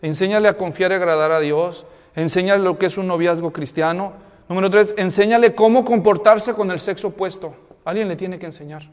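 A man's voice: sits high, fairly quick. A man, a pastor giving a conference talk to parents, speaking conversationally and asking the audience many rhetorical questions. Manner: conversational, full of rhetorical questions and humorous anecdotes. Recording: long reverb of a large hall.

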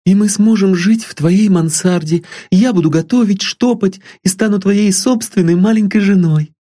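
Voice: mid-range voice, moderate pace, warm tone, pitched above the performer's own voice, natural voice. A reader voicing a poor, tearful, loving young woman in an audiobook. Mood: tearful, eager. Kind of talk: audiobook reading.

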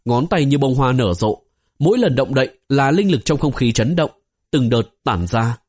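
A man narrating a fantasy novel as an audiobook, in a steady storytelling manner. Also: medium pitch, normal speed, breathy edge. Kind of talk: scripted narration.

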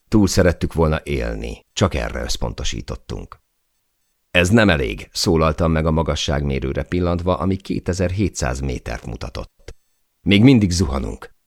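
A man's voice: rumbling low, vocal fry, no echo. A man reading an audiobook in a dramatic style, recorded close in a studio. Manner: dramatic reading, shouting out the quoted cries. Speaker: audiobook narrator. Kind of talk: scripted audiobook narration.

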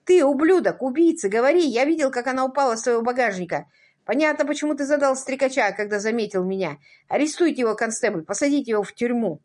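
A woman's voice: a little high, fast talker, lightly acted. A woman voicing an indignant, quarrelsome male motorcyclist in a read-aloud story. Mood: furious.

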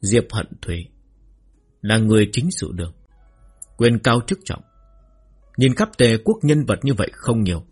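A man voicing a stern old marquis, head of his house, speaking in a measured, probing way. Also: on the low side, animated, a little mellow, breathy edge, soft background music.

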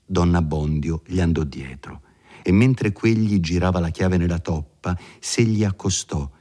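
A man narrates a classic novel in a deep, low voice. He reads slowly and deliberately, with a measured dramatic weight suited to an audiobook. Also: warm tone. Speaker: audiobook reader.

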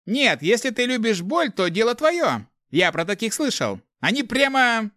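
A man's voice: very high-pitched, sing-song, normal speed, bright, forceful tone, no room sound, clean studio sound, voice pushed up, heavily acted. A man voicing a cheeky young male thief in an audiobook, taunting him in a sing-song way. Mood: mocking. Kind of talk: audiobook character voice.

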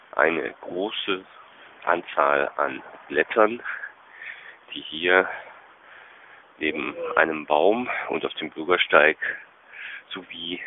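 A man giving a deadpan, formal, halting mock-official report over a muffled public payphone line. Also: sits low, slight background noise. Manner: formal, dry, halting phrasing. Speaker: field reporter calling in by payphone. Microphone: telephone handset.

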